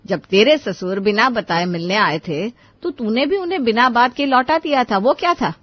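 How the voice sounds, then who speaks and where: A woman voicing a wise, calm middle-aged mother who reasons gently with her son. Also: on the high side, moderate pace, dry recording, lo-fi sound, pitched above the performer's own voice. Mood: gently firm.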